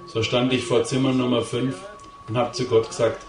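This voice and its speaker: A man's voice: mid-range voice, level tone, moderate pace. A middle-aged man speaks to a crowd in a roomy hall, and his voice carries from some distance from the mic. He tells a confessional story with intensity and hammers home key words by repeating them. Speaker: lay preacher giving his testimony. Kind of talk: emotional testimony speech to a live audience.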